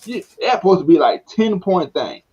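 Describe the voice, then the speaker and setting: A man with a Southern American accent hosting a casual sports chat, excitable and slangy, often laughing. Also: high-pitched, normal speed, husky, poor audio. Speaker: sports talk show host.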